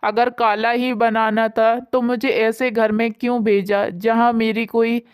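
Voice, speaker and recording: A woman's voice: fairly high pitch, flat delivery, measured pace, clear, resonant tone, dry recording, clean studio sound, lightly acted. A woman voicing a meek, kind young daughter-in-law who speaks earnestly, in a storybook. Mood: pleading. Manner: pleading, earnest.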